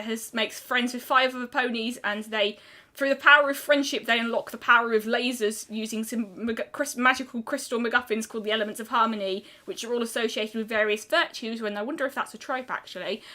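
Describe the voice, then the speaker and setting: Young british woman chatting while she draws, rambly, bright and a bit high. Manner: chatty, rambling, quick restarts. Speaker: streamer. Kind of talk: casual chat while drawing.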